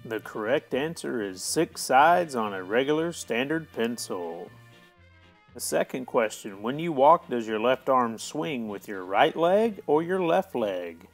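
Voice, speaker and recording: A man's voice: medium pitch, big pitch swings, measured pace, soft background music. A man hosting a school quiz segment, speaking in a playful quiz-host manner as he narrates questions and answers. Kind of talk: scripted narration.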